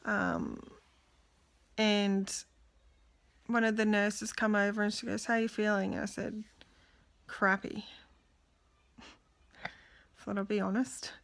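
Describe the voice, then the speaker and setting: A woman's voice: mid-range voice, level tone, slow, gravelly, long pauses. Woman, young adult, video diary; tired, candid, rambling delivery, worn out and close to tears. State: exhausted and emotional. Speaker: vlogger. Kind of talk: casual personal video diary.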